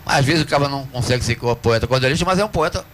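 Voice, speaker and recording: This is a male cordel poet being interviewed on the radio, speaking with a Northeastern Brazilian Portuguese accent at a middle pitch and in a fairly bright tone. Like a devoted teacher, he explains at length, drawing out syllables to stress the rhythm of the words. There's a slight hiss under the audio.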